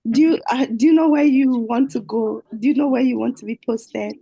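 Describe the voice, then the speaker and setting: A woman's voice: on the high side, fairly even intonation, a little fast, creaky, dark tone, slightly rough, rough recording. A woman hosting an online dating show over a video call, speaking hesitantly with many fillers. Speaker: host.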